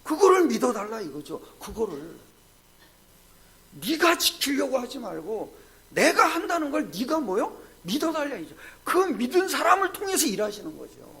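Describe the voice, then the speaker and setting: A male pastor delivering a sermon, firing off rhetorical questions and swinging from hushed, low asides to loud, shouted points. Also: sing-song, normal speed, vocal fry. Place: church sanctuary.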